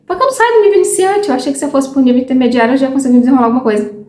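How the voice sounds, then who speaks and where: A woman's voice: sits high, very animated, very fast, warm tone, reverberant. A Brazilian woman in her thirties with a Brazilian accent, chatting frankly to her viewers as she learns English and often loses her train of thought. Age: 30s. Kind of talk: casual chat to viewers.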